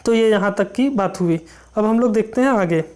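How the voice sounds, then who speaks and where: Teacher w/ a going thru a folk tale, reads the dialect lines slow then explains them, lots of "um"s. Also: medium pitch, darkish tone.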